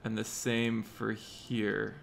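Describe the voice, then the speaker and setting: A man's voice: lowish voice, level tone, slow, vocal fry, soft background music. A man streaming a city-building game, talking to himself and his chat as he lays out roads in casual commentary. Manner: muttering to himself while planning, talking to chat. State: hiccups. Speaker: livestreamer.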